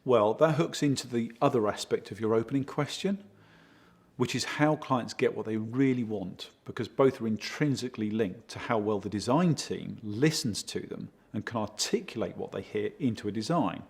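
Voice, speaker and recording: A man working as a project consultant, giving steady, explanatory interview answers and leaning on key words. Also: lowish voice, moderate pace, creaky, breathy edge. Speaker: project consultant for a home design firm.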